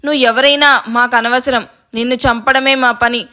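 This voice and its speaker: A woman voicing rough male hired killers who talk in a gruff, threatening way. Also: fairly high pitch, steady tone, moderate pace, bright, forceful tone. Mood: menacing.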